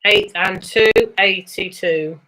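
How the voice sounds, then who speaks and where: A woman's voice: mid-range voice, takes it slowly, bright, forceful tone, low-quality recording. A woman with a British accent working as a bingo caller, announcing numbers in a sing-song manner with chatty asides. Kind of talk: bingo calling with traditional rhyming number nicknames.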